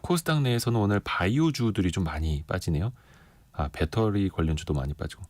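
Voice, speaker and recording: This radio show host has a low, darkish voice with lively intonation, recorded with no echo in the studio. He chats conversationally with a guest in fast back-and-forth and reads market figures.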